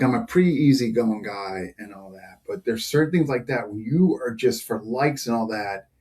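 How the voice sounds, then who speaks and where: A man's voice: mid-range voice, dark tone. A man hosting a podcast in casual chat, talking loosely with many fillers and frequent laughs. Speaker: podcast host.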